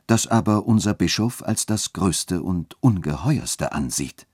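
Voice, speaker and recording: A man reading a story aloud and voicing a scheming, smooth-talking church dean who shifts between insistence and soft coaxing. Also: sits low, expressive, measured pace, no echo, studio quality, full character voice. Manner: insistent, then softly coaxing. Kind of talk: literary reading.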